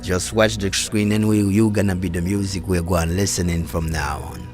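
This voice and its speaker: A man hosting a live-stream conversation over a call. He talks in a halting way, repeating words and restarting often. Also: low voice, fairly even intonation, a little mellow, faint music behind. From Haiti. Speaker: host and community organizer. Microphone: phone or call setup.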